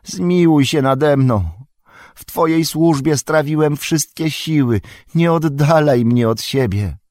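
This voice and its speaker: A man's voice: on the high side, takes it slowly, darkish tone, no echo, studio quality, pitched above the performer's own voice. A man voicing a cringing, treacherous royal counsellor who pleads and whines in a servile, wheedling manner, in a storybook reading. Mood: begging.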